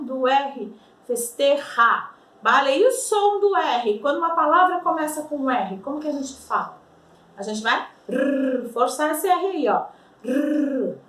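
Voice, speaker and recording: A woman teaching a language lesson. She explains patiently, repeats words slowly to show their pronunciation, and keeps checking with "tá?" and "vale?". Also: high-pitched, a bit bright. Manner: ends phrases with checking tags like "tá?" and "vale?". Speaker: Spanish teacher. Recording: roomy, slightly distant mic.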